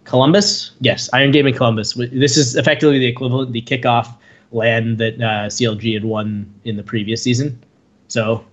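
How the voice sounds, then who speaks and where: A man's voice: mid-range voice, little pitch movement, a little fast. A young man co-hosting an esports fan podcast, rambling through casual chat with many "uh"s and restarts. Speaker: podcast co-host. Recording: dull lo-fi podcast audio.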